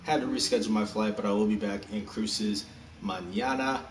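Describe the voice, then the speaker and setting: A man from Texas hosting a live stream of a basketball video game, out of breath and talking in a casual, rushed way. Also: on the low side, fairly even intonation. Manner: casual, rushed, chatty, upbeat. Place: room at home. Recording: roomy echo, distant mic, faint background hum.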